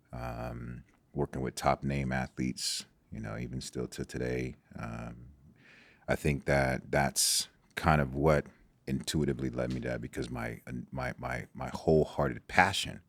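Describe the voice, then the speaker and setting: A Nigerian-born man whose first language is Igbo talks as a guest in a casual interview, speaking in a creaky, slightly bright bass voice. He is reflective, often restarting sentences and repeating words.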